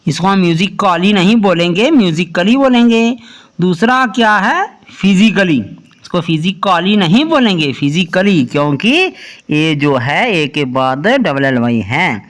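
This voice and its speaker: Male tutor, high voice, lots of rise and fall, keeps checking in with students. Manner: lively teaching tone, keeps asking "clear?". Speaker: English teacher, channel host. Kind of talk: Hindi-language video lesson on English pronunciation.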